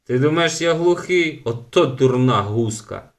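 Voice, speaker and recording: A man voicing a grumpy, sharp-tongued ten-year-old boy in a storybook reading, raising his voice for the boy. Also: mid-range voice, lively intonation, measured pace. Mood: annoyed.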